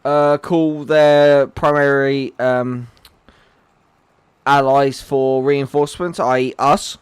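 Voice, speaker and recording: A man's voice: medium pitch, steady tone, takes it slowly, clear, resonant tone, no room sound. A man hosting a gaming livestream, chatting casually and jokingly with his viewers. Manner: chatty, joking, talks to chat by name. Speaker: livestream host.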